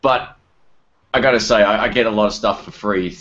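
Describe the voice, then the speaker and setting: Male host, low register, casual chat delivery, slightly muffled lo-fi call sound. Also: normal speed, fairly bright tone. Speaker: host of a live guitar-pedal video chat. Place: online group video call. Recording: dull, lo-fi online call audio.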